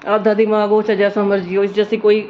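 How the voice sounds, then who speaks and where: A woman's voice: medium pitch, monotone, fast, muffled recording, slight background noise. A woman with a head cold chatting casually to her viewers in a home vlog, talking straight to the camera. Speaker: home vlogger. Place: home, kitchen and house.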